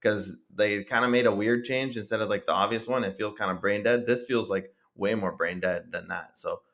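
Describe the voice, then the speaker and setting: A man co-hosting a podcast, working through card game rules out loud in casual chat with frequent restarts. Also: on the low side, fairly even intonation, moderate pace. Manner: rambling, thinks aloud with many restarts and fillers. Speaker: podcast co-host.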